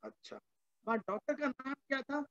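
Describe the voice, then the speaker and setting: A man's voice: very high-pitched, normal speed, a bit bright, highs cut off, voice pushed up. A man doing a nosy, rambling old uncle. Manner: pestering with trivial questions.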